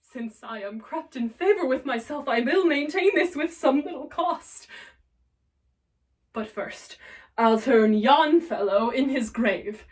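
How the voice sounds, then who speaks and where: A woman's voice: sits high, lively intonation, slow, a little mellow. A woman performing a Shakespearean soliloquy as a scheming, self-mocking male villain, theatrical and emphatic. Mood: vain glee. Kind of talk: classical Shakespearean stage soliloquy. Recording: voice distant from the mic.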